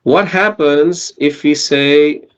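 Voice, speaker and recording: A man's voice: fairly high pitch, slow pace, smooth, lo-fi sound. A man teaching a Quranic Arabic grammar lesson online, patiently asking his students questions and checking in with them.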